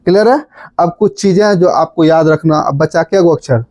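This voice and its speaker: A man's voice: fairly high pitch, fairly quick, no echo. A man teaching a grammar lesson, quizzing students and chanting memory formulas in a sing-song way. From Bihar, India. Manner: lively, repeats key terms, quizzes students with "बात समझ रहे हैं?".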